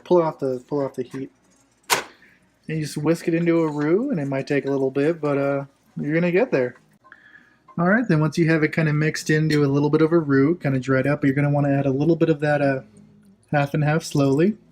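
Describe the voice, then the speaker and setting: Higher-voiced man casually hosting a cooking demo. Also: fairly even intonation, fairly quick, darkish tone. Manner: laid-back, chatty instruction with joking asides. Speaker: cooking show host. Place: kitchen, at the stove and counter.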